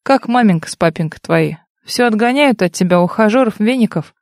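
A woman's voice: medium pitch, expressive, a little fast, a little mellow, dry recording, studio quality, close to an everyday voice. Woman reading a sneering, smug young rival. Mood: mocking. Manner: condescending, sneering, teasing. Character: smug mocking young man, old rival.

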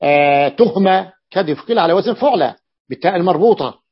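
A man's voice: high-pitched, expressive, fast, slightly rough, lo-fi sound. A man teaching Arabic morphology to a class, explaining a classical text, repeating each example and checking that students follow.

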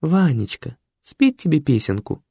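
A man's voice: fairly high pitch, very animated, unhurried, creaky, mellow, husky, no echo, studio quality, exaggerated voice. A man voicing a tender, sing-song female mattress program in an audiobook. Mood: cooing.

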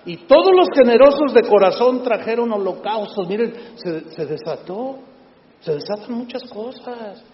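A man's voice: sits high, animated, moderate pace. A man preaching a conversational sermon as pastor, often mimicking his critics' voices and adding rhetorical asides. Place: large church hall. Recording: echoey hall, slightly dull sound.

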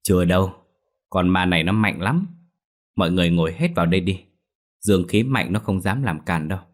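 Man doing a stern old exorcist, scolding, commanding, low voice, ghost story. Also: brisk, lightly acted.

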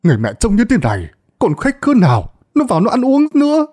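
A man voicing a fat, drunken middle-aged son who scolds his mother loudly and impatiently. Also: mid-range voice, very animated, brisk, husky. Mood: scolding.

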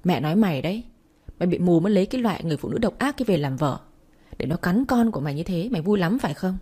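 A woman's voice: lowish voice, animated, very fast, mellow, slightly rough. A woman voicing a caring, protective old grandmother in a Vietnamese audio story, defending her grandchild and scolding others. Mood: indignant.

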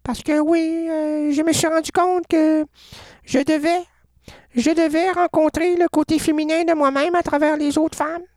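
A performer voicing an excitable, rambling female caller with a Quebec French accent in a comedic radio sketch. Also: sits high, measured pace, dry recording, studio quality, pitched above the performer's own voice. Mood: excited. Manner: gushing, giggly, rambling.

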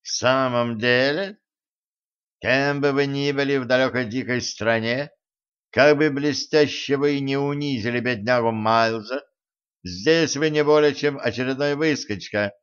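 A man voicing a cold, sardonic male adversary who threatens with exaggerated politeness, read slowly in a slightly dull recording. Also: mid-range voice, fairly bright tone, clear, resonant tone, natural voice.

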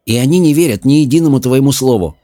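An audiobook narrator voicing a calm, firm young boy. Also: mid-range voice, fast, dry recording, clean studio sound, voice pushed up, lightly acted. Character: brave, practical young boy.

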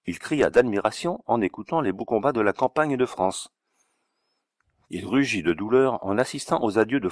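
A man narrating a classic novel as an audiobook, measured and steady. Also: on the low side, dry recording, studio quality.

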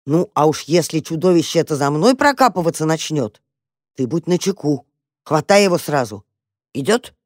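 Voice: mid-range voice, moderate pace, dry recording, clean studio sound, close to an everyday voice. Narrator doing a plucky little boy mouse. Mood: eager, impatient. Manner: lively, bossy, impatient. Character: brave curious young male mouse.

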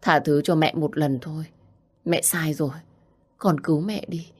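A woman's voice: low-pitched, steady tone, normal speed, darkish tone. A woman voicing a desperate middle-aged mother in debt, who pleads with her daughter in a tearful voice. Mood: coaxing.

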